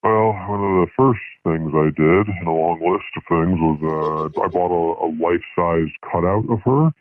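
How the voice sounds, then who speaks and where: Man through a deep voice changer. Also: no room sound, narrow, tinny audio. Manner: halting, stammering confession. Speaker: caller. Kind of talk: radio call-in confession.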